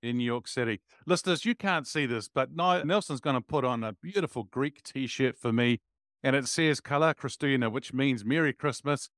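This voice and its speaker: A man's voice: mid-range voice, normal speed, a bit bright, no echo, studio quality. A man hosting a podcast interview, upbeat and full of praise as he questions his guest. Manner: enthusiastic, frequent praise words. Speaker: podcast host.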